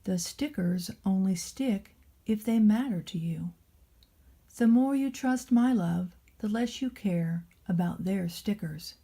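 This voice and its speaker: Woman as a slow, gentle bearded craftsman. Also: mid-range voice, slightly rough. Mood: tender. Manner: slow, thoughtful, tender. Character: large bearded craftsman, gentle, loving, reassuring maker.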